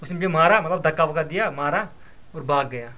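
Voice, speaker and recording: A man calmly prompting simple sentences, repeating and rephrasing each one. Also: fairly high pitch. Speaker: elicitor asking for translations. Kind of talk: language elicitation session.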